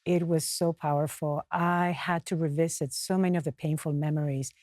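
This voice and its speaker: Peruvian-born woman, earnest, reflective talk show guest, lower register. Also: fairly even intonation, darkish tone, dry recording. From Peru. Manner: earnest, reflective, pausing to find words. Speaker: guest author and mountaineer.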